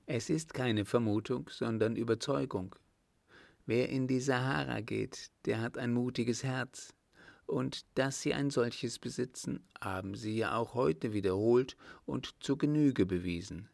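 An earnest, timid young French noblewoman, read by a man who lifts his low voice slightly. She speaks slowly and with care. The gravelly tone sits close and dry, with no room around it. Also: a little mellow, no room sound.

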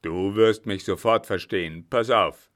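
A cold, heartless brother, blunt and pitiless, played by a man. His voice sits a little low for a man. It is a scene in an audiobook drama. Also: a little slow, fairly bright tone.

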